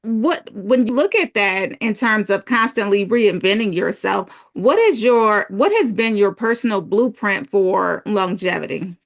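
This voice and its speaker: A woman's voice: medium pitch, animated, unhurried, few pauses. A woman hosting an interview, upbeat and encouraging as she asks questions. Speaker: host.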